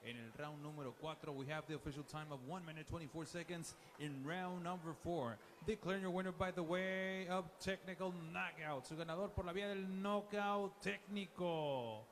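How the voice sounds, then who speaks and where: A male ring announcer with a high voice that carries. He reads the result in two languages and draws out the winner's name in long, booming calls. Noise surrounds him. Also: fairly even intonation, brisk, hardly any pauses, a bit bright. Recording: noisy arena audio.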